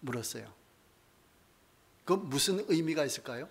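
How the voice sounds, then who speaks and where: A man with a fairly high voice preaches a Bible study sermon in a church. He keeps asking his listeners questions and then answers them himself. He slows down and lets his voice fall softer at the end of each key point. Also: animated, gravelly, husky. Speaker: pastor.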